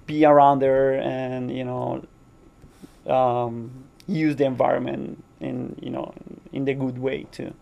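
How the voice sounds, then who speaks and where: A man with a Cuban accent and Spanish as his first language answers as a guest expert. His voice is medium-pitched with heavy creak. His English comes haltingly, with non-native phrasing. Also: flat delivery, lo-fi sound, slight background noise. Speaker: guest shark researcher.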